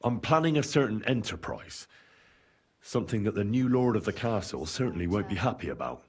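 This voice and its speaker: Young medieval game hero, confident n polite, keeps secrets, raspy voice that moves around a lot. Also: male voice, on the low side, animated, a little fast, a little mellow. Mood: discreet, courteous. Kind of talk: video game voice acting.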